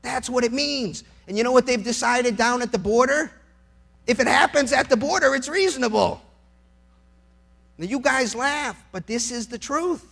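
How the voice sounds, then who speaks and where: An American lawyer with a very high-pitched, slightly bright voice and vocal fry speaks at normal speed in an impassioned public speech. He's emphatic and sardonic, firing rhetorical questions and repeating phrases for effect.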